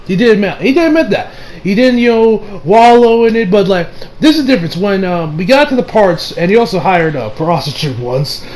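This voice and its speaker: A man's voice: sits high, animated, fairly quick, darkish tone, slight background noise, poor audio. A young man giving casual, rambling commentary, full of fillers and casual swearing. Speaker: online commentator.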